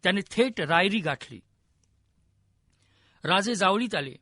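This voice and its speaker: A man narrating a historical story in a vivid, expressive storytelling manner. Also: high voice, a little slow, dry recording, clean studio sound.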